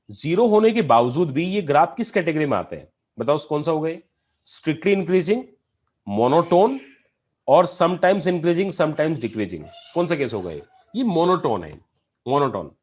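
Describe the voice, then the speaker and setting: A man teaching a calculus lesson, explaining step by step and asking his students questions as he goes. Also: fairly high pitch. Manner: mixes in English math terms. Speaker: math teacher. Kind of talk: classroom lecture on calculus.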